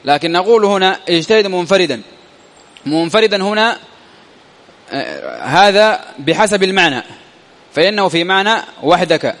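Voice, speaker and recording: A man's voice: high-pitched, expressive, moderate pace, long pauses, fairly bright tone, big-room sound. A man teaching a classical grammar lesson, often repeating key phrases and answering his own questions. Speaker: teacher explaining Arabic grammar.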